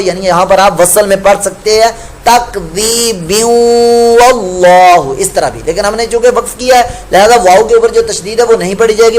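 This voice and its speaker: High-voiced man teaching Quran recitation. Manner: patient, corrects common mistakes, chants examples slowly. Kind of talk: tajweed lesson with recited examples.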